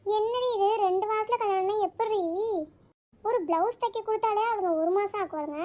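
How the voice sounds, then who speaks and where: A woman's voice: extremely high pitch, fairly quick, dark tone. A woman voicing a flustered young bride-to-be in a cartoon, who protests urgently. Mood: protesting.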